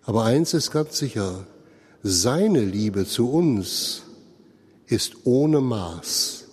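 A man's voice: medium pitch, animated, a little mellow, husky, long reverb tail. A man preaching a sermon, explaining earnestly and speaking straight to his listeners. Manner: slow, earnest explaining, addresses listeners directly. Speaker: pastor.

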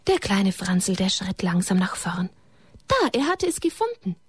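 A woman reading a religious story aloud to children in a gentle way, turning to them with questions and sometimes dropping to a whisper. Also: mid-range voice, very animated, moderate pace, slightly rough, dry recording.

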